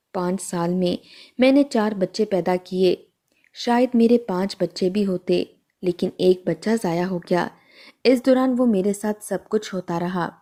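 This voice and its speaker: A woman's voice: mid-range voice, warm tone. A woman telling a sad first-person story in a somber, scripted narration.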